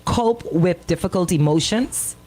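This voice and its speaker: A Bahamian-accented woman co-hosting a radio show chats casually, animated, opinionated and emphatic. Her voice sits on the low side and her pace is unhurried.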